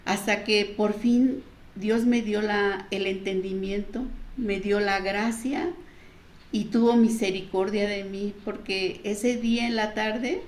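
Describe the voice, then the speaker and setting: A woman's voice: a little mellow, reverberant, slight background noise. A middle-aged Mexican woman with a Mexican Spanish accent tells her personal testimony, acting out the voices in her story. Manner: storytelling, acting out quoted dialogue with pitch jumps. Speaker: church member giving testimony.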